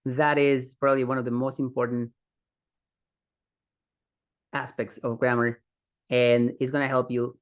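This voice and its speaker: A man's voice: mid-range voice, no room sound. A man teaching an online English grammar lesson in an upbeat way, repeating key words for emphasis.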